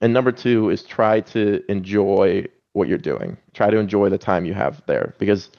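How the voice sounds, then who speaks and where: Young male guest, lowish voice, loose rambling delivery over dull remote audio. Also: normal speed. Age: 20s. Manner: relaxed, rambling, lots of fillers and restarts. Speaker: professional baseball pitcher, guest. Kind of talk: casual interview.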